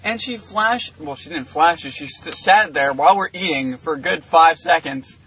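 A man's voice: fairly high pitch, moderate pace, fairly bright tone, breathy edge, rough recording. A young man co-hosting a crude podcast among friends, telling rambling stories with frequent laughter. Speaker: podcast co-host.

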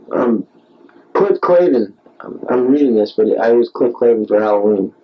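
Rambling young man on a dictaphone. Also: medium pitch. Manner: rambling, digressive, wry. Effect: dictaphone tape recording. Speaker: audio diarist. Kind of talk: late-night rambling monologue. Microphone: handheld tape recorder. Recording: dull lo-fi tape recorder.

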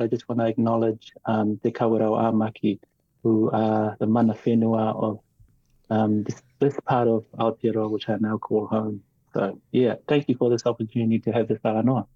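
A man born in New Zealand and raised partly in Tonga, a guest in an interview, speaking in a measured, reflective way with frequent ums and restarts. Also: on the low side, flat delivery, no room sound, dull audio. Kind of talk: casual interview talk.

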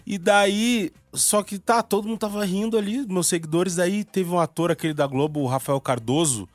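A man from Porto Alegre speaks with a southern Brazilian accent, telling stories casually as a guest on a radio show. His voice sits a little high, and he acts out the other people in his stories. The sound is dry and close to the mic. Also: moderate pace, no echo. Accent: southern Brazilian Portuguese (gaúcho). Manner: animated storyteller who acts out quoted dialogue. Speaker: comedian guest. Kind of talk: casual storytelling interview. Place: radio studio.

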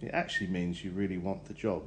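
A man reading a measured, instructive careers advice segment for a podcast. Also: low-pitched, flat delivery, a little hiss or hum. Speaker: careers adviser.

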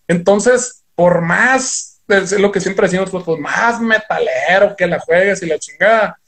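High-voiced Sonoran guy, slangy rambling. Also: a little slow, fairly bright tone. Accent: northern Mexican (Sonora). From Sonora, Mexico. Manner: heavy slang and swearing, rambling storytelling. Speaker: podcast guest, guitarist. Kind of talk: casual podcast chat.

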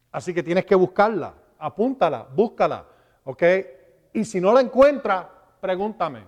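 A man's voice: fairly high pitch, big-room sound. A man preaching a sermon at a live church service, talking in a conversational way and often checking in with his listeners. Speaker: pastor.

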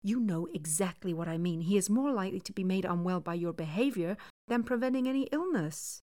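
A protective young aunt, sharp and impatient, her voice lifting higher as she argues, as a woman reader puts her on. It is a storybook part. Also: expressive, brisk, no echo, clean studio sound, natural voice. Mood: exasperated.

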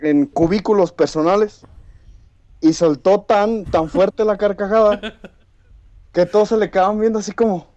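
Mexican male caller heard over a call line, high voice, dry and close, chatty and quick to laugh. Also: steady tone, warm tone, no echo. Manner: chatty, laughs often, many restarts and fillers. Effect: heard over an internet call line. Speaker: caller to a podcast. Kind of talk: casual chat, telling an anecdote. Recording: dull, dry internet call audio.

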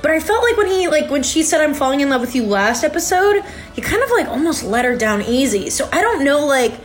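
A woman's voice: sits high, big pitch swings, a little fast, soft background music. A young woman hosting a podcast, chatting casually and reacting live as she watches a show. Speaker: podcast host. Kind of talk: casual recap chat.

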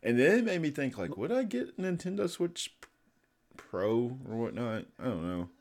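A man's voice: medium pitch, sing-song, moderate pace, darkish tone. A man hosting a casual chat about gaming news, saying "like" and "I'm like" very often.

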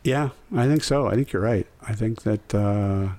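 A man's voice: fairly low pitch, moderate pace, warm tone. A man hosting a podcast, bantering casually with rambling jokes and laughter. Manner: joking, rambling with frequent laughs. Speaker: podcast host.

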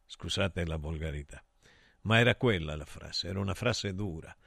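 A man's voice: low voice, moderate pace, creaky, fairly bright tone, husky, no room sound, clean studio sound. A middle-aged man hosting a show, reading listener messages and telling them personal stories in an emotional, rambling way. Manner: emotional, digressive, addresses listeners directly. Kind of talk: intimate confessional monologue.

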